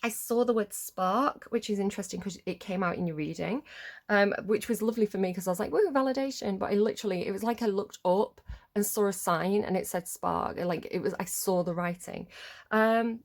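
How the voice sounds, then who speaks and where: A woman's voice: medium pitch, fairly quick. A woman giving a casual, chatty tarot reading in a rambling, informal way, her voice slightly muffled by a head cold. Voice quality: slightly muffled, congested nose. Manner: rambling, informal, often checks with "right?". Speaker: tarot card reader.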